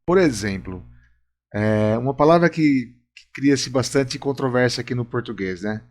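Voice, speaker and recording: A man's voice: mid-range voice, animated, moderate pace, a little mellow. A Brazilian man teaching English in a video lesson at a whiteboard, explaining step by step and often checking in with viewers. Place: room with a whiteboard.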